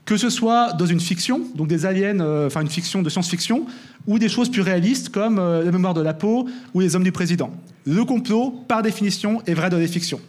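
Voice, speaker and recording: A young man giving a lively conference talk, often checking in with "d'accord?". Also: sits high, a little fast. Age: young adult. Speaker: conference speaker.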